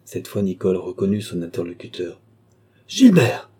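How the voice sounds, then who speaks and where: A man reading an audiobook of a classic novel in a measured, even narration. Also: lowish voice, husky. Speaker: audiobook reader. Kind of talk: scripted narration.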